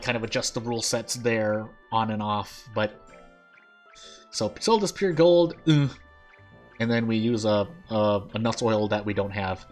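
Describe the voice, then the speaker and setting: A man gives casual game commentary at a middling pitch while music plays behind him. He thinks out loud in a loose, wandering way. His overbite shows in his articulation, with his teeth catching his lip on some syllables. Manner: rambling, thinking aloud. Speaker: gaming streamer.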